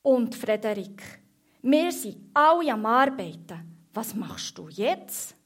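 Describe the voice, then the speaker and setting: A woman's voice: fairly high pitch, sing-song, slow pace, husky, full character voice. A woman voicing a group of small, busy field mice who ask eager questions in a raised voice. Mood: questioning.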